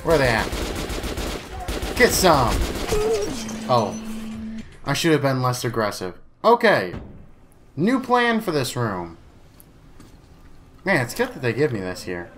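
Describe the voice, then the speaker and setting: A man's voice: mid-range voice, wildly swooping pitch, normal speed, pauses often, fairly bright tone, slight background noise. A man giving casual let's play commentary, chatty and playful, talking to himself and to the enemies on screen. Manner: playful, jokey asides.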